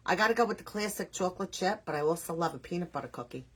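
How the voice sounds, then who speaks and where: Woman, New York accent, husky voice, chatty host of a crafting stream. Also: lowish voice, lively intonation, racing. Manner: chatty, scattered, self-deprecating, reads viewer names aloud. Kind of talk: casual chat with live viewers while crafting.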